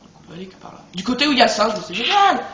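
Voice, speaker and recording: A man chatting excitedly to viewers as he plays through a video game. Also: extremely high pitch, rapid-fire, reverberant, low-quality recording. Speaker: let's play host. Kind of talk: gameplay commentary.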